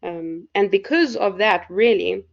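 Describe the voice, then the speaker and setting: A woman lecturer with a hoarse, croaky voice, explaining loosely with lots of fillers in a live university class. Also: medium pitch, measured pace. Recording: dull lo-fi recording.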